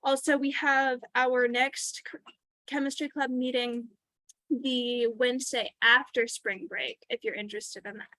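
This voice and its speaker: A woman's voice: fairly high pitch, steady tone, unhurried, bright, forceful tone, no echo, poor audio. A woman giving club announcements and formally introducing a guest speaker.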